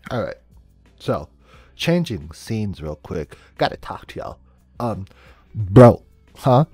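A man reacting to a video game trailer in casual commentary, swinging between low mumbles and loud excited outbursts. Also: slow pace, slightly rough, dry recording, soft background music. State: cold and shivering, early morning. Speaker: reaction streamer.

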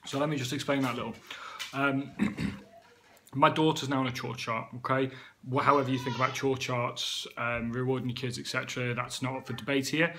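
Man in his thirties with a British accent, fitness coach, relaxed chatty motivational vlog delivery, ordinary middle pitch. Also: brisk, slight background noise. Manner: chatty, with frequent 'um' and 'okay?' asides. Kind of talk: casual motivational talk to camera.

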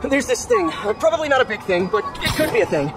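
A man's voice: extremely high pitch, big pitch swings, quick pace, over music, a crowd in the background, poor audio. An American man voicing a young wisecracking superhero in a video game, chatty and rambling, often interrupting himself. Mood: awkward, flustered. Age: young adult. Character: young wisecracking male superhero, earnest and flustered.

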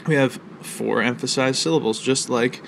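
A man teaching a college literature lesson, explaining a poem's rhythm and imagery in a measured way with fillers and pauses. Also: mid-range voice, creaky, a little hiss or hum. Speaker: college instructor. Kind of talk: recorded literature lecture. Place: outdoors near a library.

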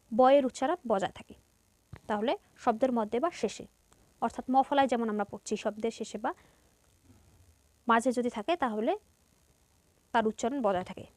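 A woman with a fairly high voice and a Bangladeshi Bengali accent teaches a grammar lesson. She explains each point step by step and poses questions to her students that she then answers herself. The sound is dry and close, with no room around it. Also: darkish tone, no echo.

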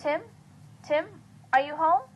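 A woman voicing a kind mother who praises her son in a textbook listening dialogue, delivered in a clear, carefully paced scripted style. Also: sits high, fairly even intonation, slow pace, dull audio, slight background noise. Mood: encouraging.

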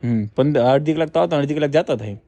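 Young male vlogger, rapid and chatty, talking straight to viewers. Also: fairly high pitch, dark tone. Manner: chatty, addresses viewers directly. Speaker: family vlogger. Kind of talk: casual vlog talk to viewers.

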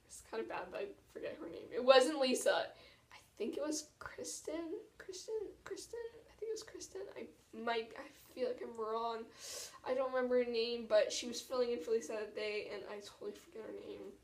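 A woman's voice: a little high, fairly quick, darkish tone. A teenage woman chatting casually and self-deprecatingly to camera as a vlogger, in an informal way. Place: small tiled washroom at home, indoors. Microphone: camera propped about arm's length away. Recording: echoey bathroom, distant mic.

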